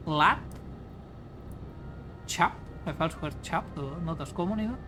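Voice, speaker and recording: Deep-voiced and measured, a woman from Spain speaks with a Spanish accent while streaming a game. Her casual gaming chatter is rambling, crude and full of jokes, captured on a studio mic with a pop filter. The rough recording has music behind her.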